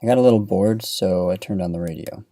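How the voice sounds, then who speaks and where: A man narrating a comic spoken-word story with a gravelly, deadpan, rhythmic delivery. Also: low voice, fairly quick.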